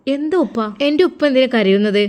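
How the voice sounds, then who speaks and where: A woman's voice: a little fast, darkish tone, lightly acted. Nusaiba, a woman voicing an anxious devout young woman. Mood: pleading. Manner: pleading, higher voice.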